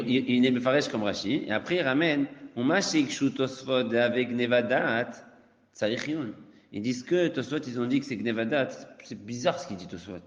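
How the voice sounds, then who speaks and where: A rabbi teaching an informal lesson, repeating key points and rising into emphatic bursts. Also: male voice, mid-range voice. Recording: echoey hall, dull lo-fi sound.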